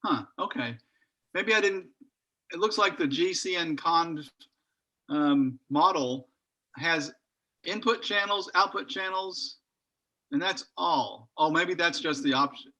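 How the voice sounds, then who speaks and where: A man with a bright, forward voice sitting a little above the usual pitch. He talks casually on a video call, rambling and thinking aloud as he works through a technical question. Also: takes it slowly, pauses often. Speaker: study group member.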